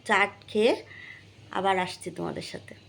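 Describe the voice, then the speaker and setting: A woman's voice: mid-range voice, normal speed, gravelly, slight background noise, rough recording. Chatty young woman vlogging. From West Bengal, India. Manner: chatty, many fillers and restarts. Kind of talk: casual chat to viewers.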